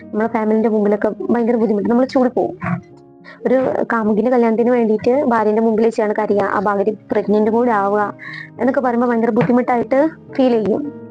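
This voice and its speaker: A woman from Kerala tells the story of her own marriage with earnest emotion, often repeating herself. Her voice sits a little high and moves fast, with fairly even intonation. The audio is dull and lo-fi, with faint music underneath.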